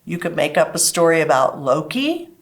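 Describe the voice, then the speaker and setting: A woman's voice: sits low, sing-song, moderate pace. A woman hosting a children's library program, explaining stories and crafts to kids in simple step-by-step terms. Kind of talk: children's craft lesson and storytime talk.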